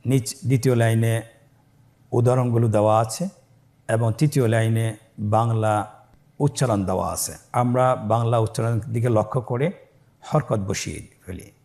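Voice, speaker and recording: A middle-aged man teaching a step-by-step Quran reading lesson, spelling out letters slowly and then explaining in quicker bursts. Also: mid-range voice, creaky, a little mellow.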